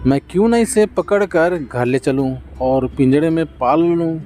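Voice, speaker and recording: A simple, good-hearted young farmer, as a male storyteller puts him on, with a raised, coaxing voice. He speaks gently and with wonder, his tone mellow and warm, like a character in a read-aloud storybook. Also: fairly high pitch, a little slow, faint music behind, close to an everyday voice. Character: simple hardworking young farmer Bhola, kindly.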